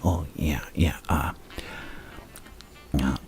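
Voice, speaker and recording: A man playing a deranged, lovestruck supervillain in an ASMR roleplay, gravelly and breathy, halting and theatrical, often sinking into a whisper. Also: extremely low pitch, steady tone, darkish tone, soft background music, heavily acted. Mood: nervous, flirtatious. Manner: halting, theatrical, menacingly courteous. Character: the Joker, deranged lovestruck male supervillain on a date.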